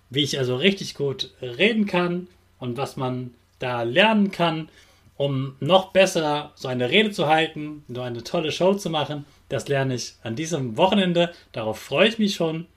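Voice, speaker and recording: A man who teaches and hosts a podcast for children, speaking straight to the young listener in a lively, encouraging way. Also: fairly high pitch. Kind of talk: upbeat talk addressed to children.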